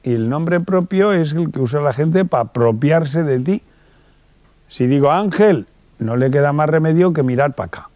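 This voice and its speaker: A man giving a lively public talk as a psychologist, colloquial and acting out little dialogues. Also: fairly high pitch, normal speed, dry recording. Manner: colloquial, acts out little dialogues in different voices.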